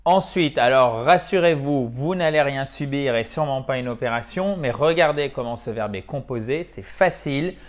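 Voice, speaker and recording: Man teaching English, chatty. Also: mid-range voice. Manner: lively, repeats words slowly, asks ok?. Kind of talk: casual video lesson.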